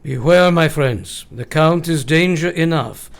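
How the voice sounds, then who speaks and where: Man acting as solemn older Professor Van Helsing, higher-pitched. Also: measured pace, creaky, clean tone. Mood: solemn warning. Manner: formal, solemn, old-fashioned phrasing. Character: grave, courteous older male professor leading vampire hunters. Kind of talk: radio play acting.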